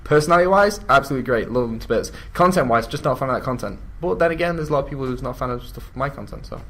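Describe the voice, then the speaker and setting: A young man from England with an English accent, talking in a loose, offhand way. His voice sits at an ordinary middle pitch. He rambles and laughs as he chats. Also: lively intonation, very fast, fairly bright tone. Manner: chatty, drifts into mock voices and laughs. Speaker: YouTube gamer. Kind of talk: casual chat.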